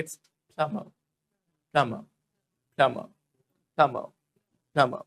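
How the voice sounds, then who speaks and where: A man with an Indian accent, a native Hindi speaker, teaching spoken English in a classroom and repeating words over and over for the class to copy. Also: mid-range voice. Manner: drills words by repetition, often asks the class to repeat. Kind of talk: classroom pronunciation lesson.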